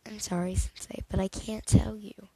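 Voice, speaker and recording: A woman's voice: medium pitch, flat delivery, moderate pace, creaky, warm tone, breathy edge, rough recording. A woman voicing a sick, secretive teenage boy in a fan fiction reading, speaking in a weak, pleading way.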